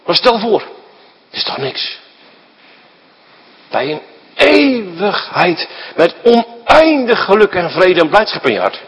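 A man preaching a sermon with a husky, breathy voice, his pitch climbing and dropping all the time. He is emphatic and keeps hurling rhetorical questions at the congregation. A long reverb trails every phrase, as in a large church. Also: sing-song, unhurried, fairly bright tone.

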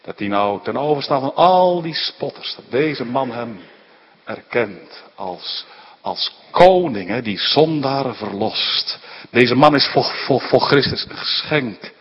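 A man preaching a sermon, emphatic, dropping into hushed near-whispers and rising into fervent appeals, with many tag questions and restarts. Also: mid-range voice, lively intonation, takes it slowly, slightly rough. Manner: frequent "hè" tags and stumbling restarts. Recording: dull lo-fi sound with long hall reverb.

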